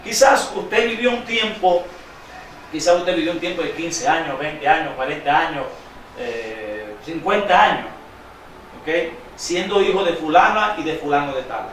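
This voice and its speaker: A man preaching a sermon, quizzing his congregation with call-and-response questions and reading scripture slowly with emphasis. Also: a little high, fairly bright tone, a little hiss or hum. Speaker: pastor. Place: church sanctuary. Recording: very echoey church hall, distant mic.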